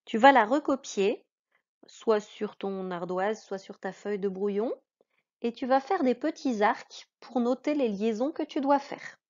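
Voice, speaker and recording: Slow, patient woman teacher. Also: a little high, darkish tone. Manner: slow and patient, drawing out example words. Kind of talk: reading lesson for children. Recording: dull lo-fi sound.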